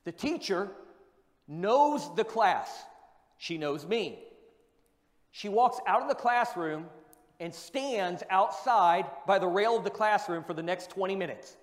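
A man's voice: high-pitched, animated, slow pace. A male pastor preaching a sermon, asking rhetorical questions and repeating his key points for emphasis. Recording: long reverb of a large hall.

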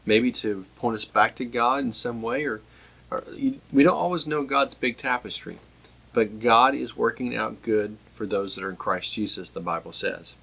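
A man's voice: mid-range voice, normal speed, gravelly, bright, forceful tone, slightly rough, low-quality recording. A man preaching an earnest sermon, often repeating himself and voicing pleading prayers. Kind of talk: sermon broadcast.

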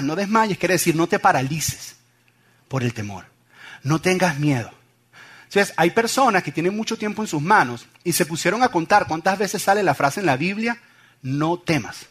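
A man's voice: a little high, husky. A middle-aged man, preaching a sermon with funny anecdotes and acted-out voices. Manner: animated storytelling, acts out voices. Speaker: pastor.

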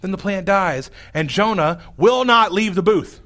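A man's voice: high-pitched, measured pace, fairly bright tone. A man preaching a sermon, telling a scripture story in a wry, exasperated way. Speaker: pastor.

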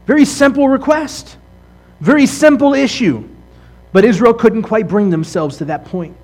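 A man's voice: sits high, darkish tone. A man giving an earnest sermon as a rabbi, asking his listeners rhetorical questions and often checking in with "right?".

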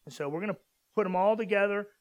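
A pastor from Southern California, a man in his forties with a fairly high voice, preaches in a loose, chatty way. He wanders through his points with plenty of ums and false starts. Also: fast. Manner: rambling storyteller with many fillers and restarts. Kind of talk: casual conversational sermon.

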